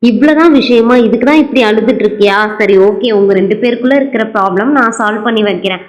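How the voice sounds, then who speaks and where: A woman voicing a kind but firm schoolteacher doll who gently scolds and instructs her pupils. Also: on the high side, fast, lightly acted.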